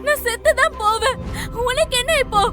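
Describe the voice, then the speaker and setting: A woman's voice: extremely high pitch, a little fast. An actress playing a young woman who cries and pleads desperately against her forced marriage. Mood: tearful. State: crying. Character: tearful young bride refusing her marriage. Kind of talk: TV serial acting. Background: background score music.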